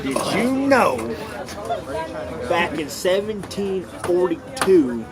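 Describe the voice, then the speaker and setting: A man's voice: high-pitched, sing-song, slow pace, exaggerated voice. A man playing a boastful, rambling old grandpa inventor who keeps calling everyone son and whippersnapper, in an improvised comic bit. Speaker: performer of a comic sketch. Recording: noisy crowd chatter outdoors.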